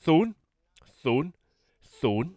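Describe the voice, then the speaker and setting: An actor playing a smug, scheming in-law who taunts and mocks in a dubbed soap opera. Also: male voice, slow, dark tone, dry recording, studio quality, close to an everyday voice. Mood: taunting. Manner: mocking, taunting.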